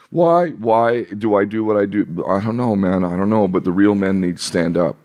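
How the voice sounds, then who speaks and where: Deep-voiced, fervent man guest. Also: normal speed, darkish tone. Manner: emphatic, repeats himself, swears. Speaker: podcast guest. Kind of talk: impassioned podcast interview talk.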